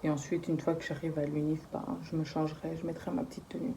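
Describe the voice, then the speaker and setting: A woman in her late 20s, a vlogger and university student, chats casually to the camera about her day, telling it as a slangy story. Her voice is low, gravelly and mellow, with a flat, fast delivery. The recording has a roomy echo and slight background noise.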